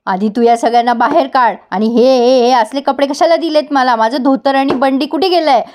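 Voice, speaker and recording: A woman voicing a confused, irritable old man in his seventies who shouts and scolds in a retold serial. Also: sits high, fairly quick, natural voice. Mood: angry.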